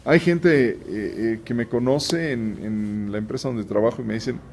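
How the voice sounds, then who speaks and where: A man's voice: medium pitch, moderate pace, darkish tone, a little hiss or hum. A man hosting a conversational Bible lesson for viewers, chatty, often restarting his sentences and turning aside to address his audience. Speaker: host and Bible teacher.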